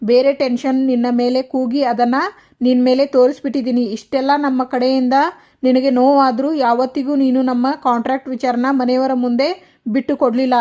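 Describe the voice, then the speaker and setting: A woman's voice: sits high, darkish tone, natural voice. A woman voicing an apologetic young husband, proud but grateful, in an earnest tone.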